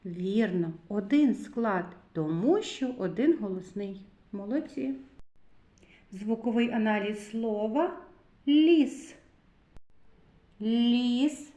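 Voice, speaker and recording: Slow, clear woman teaching small children. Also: a little high, animated. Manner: slow, carefully spelled-out speech addressing children warmly. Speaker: kindergarten teacher. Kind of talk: slow, clear literacy lesson for young children. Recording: echoey room, dull lo-fi sound.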